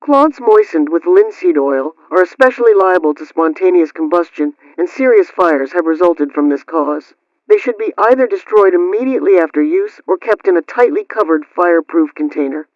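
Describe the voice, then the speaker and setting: A woman with a fairly low, animated, natural voice plays a prim 1920s radio homemaking host, reading household advice formally and instructively at normal speed. The audio is dull, without echo, and band-limited like an old radio.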